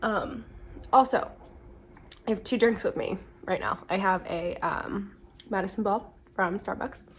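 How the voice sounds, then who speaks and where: Breathy at the edges and unhurried, a podcast host in her twenties chats casually from home while the wind blows outside. Her mid-range voice is a bit stuffy from a cold, and she meanders along with frequent ums and corrections to herself.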